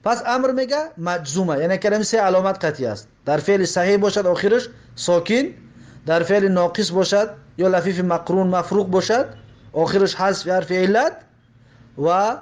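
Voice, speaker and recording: A man teaching a grammar lesson, repeating examples and asking and answering his own questions. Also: high-pitched.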